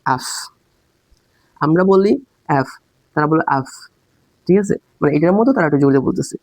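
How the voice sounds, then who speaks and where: A man's voice: on the high side, very fast, darkish tone, no room sound, poor audio. A man giving a casual spoken English lesson, explaining with rhetorical questions and sounding out letters aloud. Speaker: English teacher.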